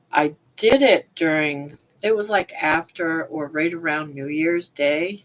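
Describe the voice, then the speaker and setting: An older woman hosts a livestream, her low voice softened into toothless articulation by a sore mouth. She rambles casually and a bit self-consciously, and the dull, lo-fi sound suggests a webcam or phone.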